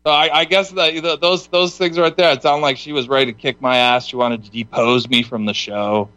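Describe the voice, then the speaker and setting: A man hosts a casual talk show, stumbling over repeated words and cracking jokes. His voice sits mid-range and comes across bright and forceful. The sound is dry and close. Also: medium pitch, fairly even intonation, no room sound, highs cut off. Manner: halting, repeats words, joking. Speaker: show host.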